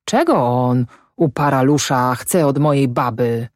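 Woman doing a gruff rustic peasant man. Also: extremely low pitch, unhurried, no echo, studio quality. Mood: jealous grumbling. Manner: rustic dialect speech, grumbling, shouting at times. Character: excitable middle-aged male peasant farmer, rustic.

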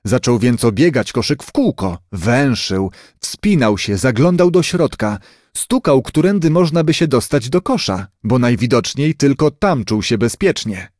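A man narrating a children's story chapter as an audiobook, in an expressive, lively way. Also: mid-range voice, a little slow, dry recording, clean studio sound.

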